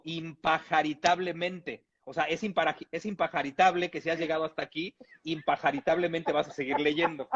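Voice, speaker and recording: A man from Mexico with a fairly high, bright voice reads a humorous text aloud, playful and amused, chuckling now and then. The audio is dull and lo-fi.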